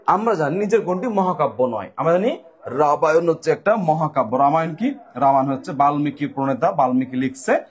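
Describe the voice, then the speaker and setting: A man's voice: a little high, animated, fairly quick, breathy edge. A man with a Bangladeshi Bengali accent, tutoring for university admission exams, drilling students with repeated questions and answers. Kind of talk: lecture solving exam questions.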